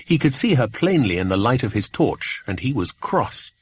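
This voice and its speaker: Male audiobook narrator, scripted storytelling, husky timbre, lively intonation. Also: mid-range voice. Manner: expressive, measured reading.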